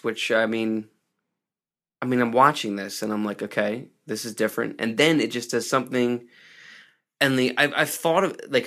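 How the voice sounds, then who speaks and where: A man hosting a casual podcast, rambling and animated as he recaps a TV episode. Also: mid-range voice. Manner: rambling, animated, does quick impressions of characters. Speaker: podcast host.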